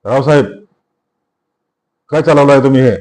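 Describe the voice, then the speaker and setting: A man's voice: mid-range voice, moderate pace, mellow, natural voice. A proud male village headman in a spoken novel, caught and bound by the police, voiced by the man reading the book. He speaks with wounded pride and heat. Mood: indignant. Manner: indignant then pleading.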